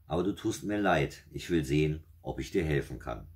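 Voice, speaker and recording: A man's voice: rumbling low, animated, normal speed, gravelly, darkish tone, full character voice. A man reading aloud and voicing the devil's grandmother, a shrewd, kindly old woman who scolds and soothes. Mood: scolding soothing.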